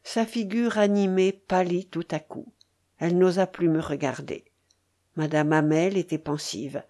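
A woman reading a novel aloud in a measured, mournful way. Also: lowish voice, steady tone, mellow. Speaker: reader. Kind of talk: literary audiobook narration.

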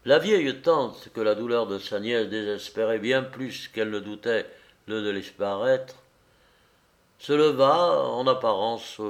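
Slow, measured male audiobook narrator. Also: lowish voice. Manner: measured, expressive storytelling, addresses listeners.

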